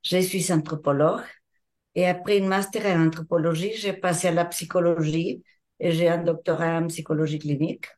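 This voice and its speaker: A woman's voice: on the low side, steady tone, fairly quick, a little mellow. An older woman from Mexico with a Mexican Spanish accent, speaking French as a second language and answering interview questions as a hypnotherapist. She talks thoughtfully and searches for her words. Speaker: hypnotherapist and trainer.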